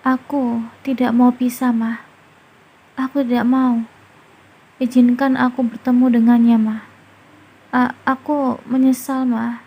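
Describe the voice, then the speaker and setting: A woman's voice: on the high side, flat delivery, a little slow, long pauses, mellow, husky. A woman voicing a tearful young wife who stammers and pleads through sobs, in a storybook narration. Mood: pleading tearfully. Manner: stammering, sobbing pleas.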